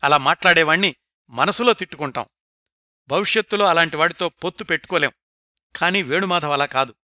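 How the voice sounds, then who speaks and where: A man reading a scripted biographical narration in a measured way, slowing down to recite quoted verse. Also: a little high, bright, forceful tone, dry recording, studio quality.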